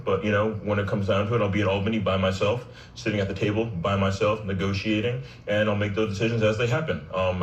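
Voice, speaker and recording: A young man with a very low voice talks quickly. He sounds set back from the mic in an echoey space, with faint room ambience behind him. He speaks in a casual, measured way as an interview guest. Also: recorded from a distance, a little hiss or hum. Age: 20s. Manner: casual, measured, frequent "you know" fillers. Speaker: political candidate.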